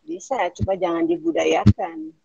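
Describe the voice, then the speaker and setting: A woman's voice: lowish voice, steady tone, normal speed, vocal fry, mellow, husky, dry recording, lo-fi sound. A woman lecturer explaining Arabic pronunciation patiently in an online class. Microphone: video call.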